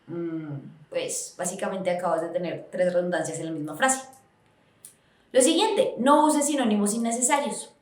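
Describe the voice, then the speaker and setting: A woman's voice: mid-range voice, normal speed. A woman giving an educational podcast lesson on writing, explaining step by step with frequent restarts. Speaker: writing instructor. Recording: very echoey room.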